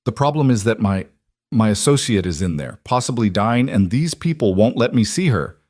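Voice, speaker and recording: Brusque rich exec guy in his 40s, man reading him, low voice, curt and impatient. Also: animated, normal speed, a little mellow, no echo, clean studio sound. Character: wealthy middle-aged male executive, brusque.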